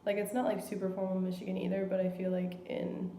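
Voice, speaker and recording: A woman's voice: medium pitch, monotone, quick pace, dark tone, a little hiss or hum. A young woman answering interview questions casually, filling her speech with "like". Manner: casual, lots of 'like'. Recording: echoey room.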